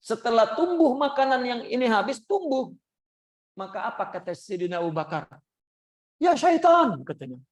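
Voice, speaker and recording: A man teaching a religious class, telling a story and acting out the voices of its people. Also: a little fast. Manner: lively storyteller acting out quoted voices with big pitch jumps. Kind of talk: sermon storytelling.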